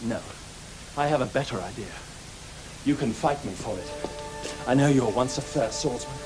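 A man's voice: mid-range voice, normal speed, over music, natural voice, poor audio. An actor playing a proud, unhinged man who believes he is Sherlock Holmes, grandiose and taunting, with a British accent in a radio drama. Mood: mocking. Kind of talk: studio radio drama acting.

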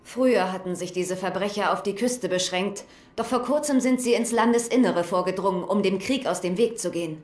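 A woman's voice: medium pitch, brisk, hardly any pauses, darkish tone, lightly acted. An actress voicing a worried, grave female gnome alchemist in a dubbed video game. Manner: grave and fretful. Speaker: game character. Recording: echoey game audio.

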